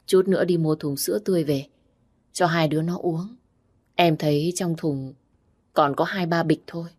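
A woman voicing a fierce, sharp-tongued young village woman who scolds bluntly. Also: sits low, moderate pace. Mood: firm caring.

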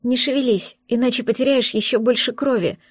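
A woman's voice: fairly high pitch, a little fast, no room sound, studio quality, lightly acted. Tearful pleading young princess, woman voicing. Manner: pleading, sobbing, flustered. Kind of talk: audiobook dialogue.

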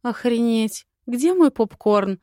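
A feisty young bride in a storybook, high and shrill, firing off exasperated, sarcastic outbursts, as a woman reader voices her. Her cries come out loud and sharp, in a dry, close recording. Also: normal speed, no echo, close to an everyday voice. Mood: incredulous.

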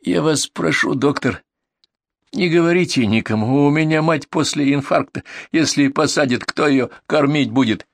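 A man's voice: a little high, moderate pace, no room sound, studio quality, pitched above the performer's own voice. A man voicing a frightened young male addict in his twenties, talking hurriedly and pleading, in a storybook reading. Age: 20s.

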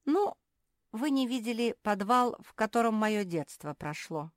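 A woman voicing a cheerful, sensible female dog who talks briskly and wryly. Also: on the high side, expressive, no echo, clean studio sound, pitched above the performer's own voice.

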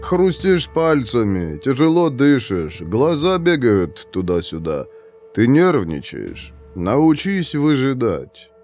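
A man voicing a calm, detached young male prisoner in his twenties who speaks slowly and in a measured, lecturing way. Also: medium pitch, faint music behind. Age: 20s.

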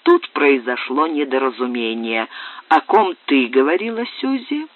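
A man reading an audiobook, voicing a greedy, menacing father who means to sell his daughter, in a low, domineering tone. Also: expressive, unhurried, no echo. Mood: scornful. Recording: dry, tinny phone-like sound.

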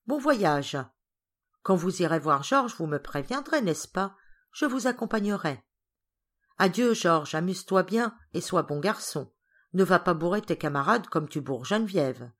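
A woman voicing a talkative, meddling spinster cousin in an audiobook, with a raised, insistent delivery. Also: fairly low pitch.

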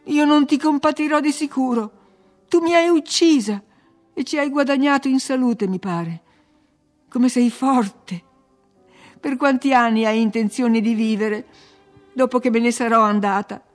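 A woman reading the part of a dying young woman, bitter and passionate, rising to loud, accusing outbursts. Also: sits high, steady tone, measured pace, creaky, soft background music, voice pushed up.

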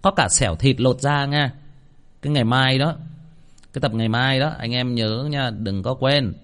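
A man's voice: medium pitch, moderate pace, fairly bright tone. A man hosting a horror story channel, chatting casually and teasing his listeners in a joking way. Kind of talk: casual outro chat to listeners.

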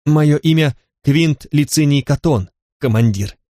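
A man voicing a calm, composed young male recruit who answers his commander politely in an audiobook. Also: on the high side, unhurried, no room sound, clean studio sound, close to an everyday voice.

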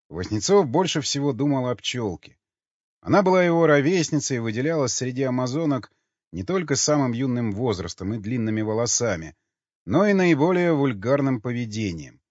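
Husky male audiobook narrator. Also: medium pitch, sing-song, normal speed, darkish tone, dry recording. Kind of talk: scripted narration. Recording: dull lo-fi audio with faint music.

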